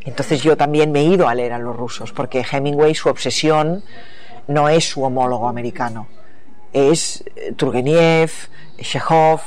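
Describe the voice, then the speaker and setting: A woman's voice: low voice, normal speed, a little mellow. A woman from the United States, a novelist in an interview, talking about her reading and writing in a thoughtful, searching way that often trails off and restarts. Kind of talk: reflective interview talk.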